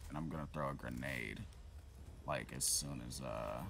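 A gaming channel host rambles casually while playing a shooter game, swearing, venting at the game and mocking himself. His voice is extremely low, with vocal fry and a bit of brightness, at normal speed.

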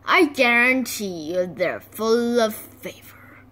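A woman voicing a calm, smug cartoon rabbit who explains things in a dry, matter-of-fact way. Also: fairly high pitch, slow, heavily acted.

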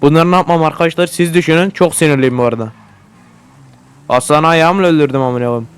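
A man narrates his gameplay in loose, casual commentary, swearing freely and flaring into excitable shouts at whatever happens on screen. His voice sits a little high and stays smooth and clean throughout. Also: fast. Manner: profane, excitable, often yelling at the game. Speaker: gaming YouTuber.

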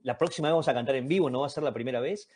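A middle-aged man with an Argentine accent hosting a live-stream interview over a video call from a small room, animated and theatrical, slowing down to stress key words. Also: medium pitch, husky. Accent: Argentine Spanish. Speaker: interview host. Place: small home room indoors. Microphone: webcam mic on a video call.

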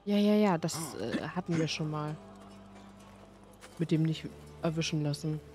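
A woman's voice: low voice, a little slow, a little mellow. Playful, chatty woman streaming a game. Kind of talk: casual gameplay commentary. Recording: faint game music behind. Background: faint music from the game.

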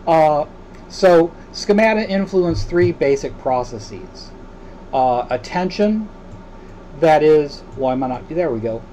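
A man delivers a recorded lecture in a slightly high, soft and mellow voice. He talks in a loose, unscripted way, pausing often with filler sounds as he works through each point. There is a faint hiss behind him. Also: animated, rough recording. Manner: hesitant, many filler sounds.

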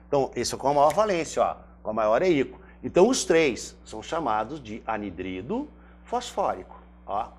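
A Brazilian man gives a lively chemistry lesson in a middle-pitched voice. His pitch leaps up and down as he talks through each step and answers his own questions. The delivery is chatty and classroom-friendly. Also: moderate pace, a little hiss or hum. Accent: Brazilian Portuguese. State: throat briefly irritated. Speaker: chemistry teacher.

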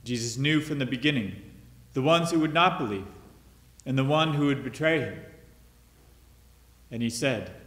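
A man's voice: medium pitch, fairly bright tone. Man reading the Gospel with cathedral echo. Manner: measured, formal reading. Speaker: priest reading the Gospel at Mass. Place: large church. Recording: long echo of a large church.

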